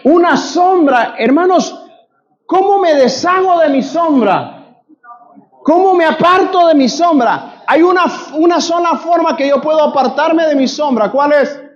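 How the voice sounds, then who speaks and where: High-pitched pastor preaching, shouts now and then, muffled church recording. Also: male voice, lively intonation, measured pace. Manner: preaching with rising shouts and questions to the congregation. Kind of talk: sermon.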